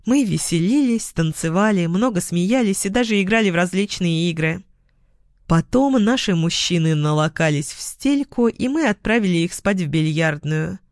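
A woman reading a first-person novel aloud at an unhurried pace, gently expressive. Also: mid-range voice, dry recording, studio quality. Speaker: audiobook narrator.

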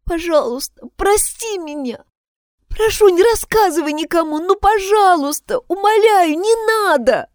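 A woman's voice: high-pitched, sing-song, unhurried, darkish tone, no room sound, studio quality, pitched above the performer's own voice. A woman voicing a tearful schoolgirl thief. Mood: pleading. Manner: pleading, sobbing outbursts. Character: distraught teenage schoolgirl, guilty and tearful. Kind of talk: audiobook character voicing.

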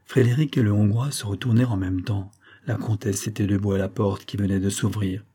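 A man reading a classic novella aloud in a measured, dramatic style. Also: fairly low pitch, fairly even intonation, warm tone, slightly rough. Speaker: audiobook reader. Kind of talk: scripted narration of a classic novella.

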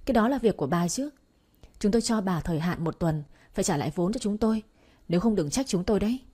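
A woman voicing angry neighbor women who demand their money back in a sharp, scolding way. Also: medium pitch, expressive, fast, husky.

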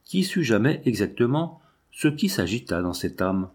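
A man with a low voice reads a classic novel aloud. His narration is measured and solemn. He gives the long literary sentences room. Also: big pitch swings, husky. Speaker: audiobook reader.

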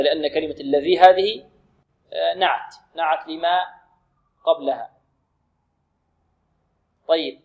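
A man's voice: a little high, a little mellow. Man teaching Quran recitation. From Libya. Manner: asks questions and answers them himself; repeats words slowly to model pronunciation. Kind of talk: tajweed lesson with recited examples.

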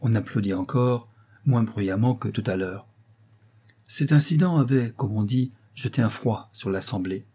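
A man reading a classic novel aloud as narrator, steady and measured. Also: on the low side, breathy edge. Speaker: audiobook narrator.

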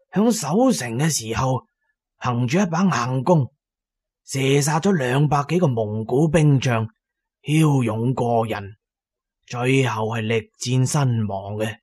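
In a radio drama, a male actor with a Cantonese accent plays a shrewd, talkative antique dealer, holding forth knowingly and emphatically. His mid-range voice is husky with a darkish tone.

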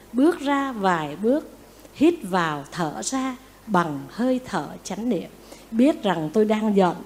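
A woman, a Buddhist nun, giving a sermon who keeps asking the audience questions and repeating phrases for emphasis. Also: fairly high pitch. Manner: lively, asks the audience questions and answers them.

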